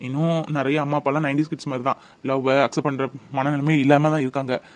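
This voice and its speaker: A man's voice: medium pitch, little pitch movement, quick pace, lightly acted. A man voicing a devoted young fiancé in a cartoon, coaxing and reassuring. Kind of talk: cartoon voice acting.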